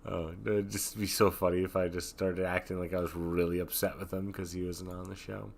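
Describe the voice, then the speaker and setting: A man's voice: low voice, flat delivery, brisk, vocal fry. A man co-hosting a casual post-show podcast chat, laughing often, swearing and slipping into mock-angry quoted voices. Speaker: podcast co-host.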